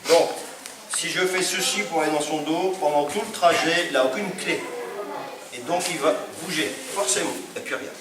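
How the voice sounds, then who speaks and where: A man's voice: a little high, normal speed, a crowd in the background. A man teaching a self-defense class, explaining holds step by step while demonstrating on a partner. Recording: echoey hall, distant mic, noisy.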